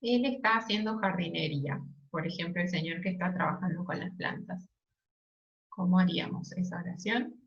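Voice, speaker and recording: A woman teaching an English lesson, explaining slowly and patiently and checking in often with "yes?" and "ok?". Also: fairly low pitch, vocal fry, dull audio. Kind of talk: recorded online lesson.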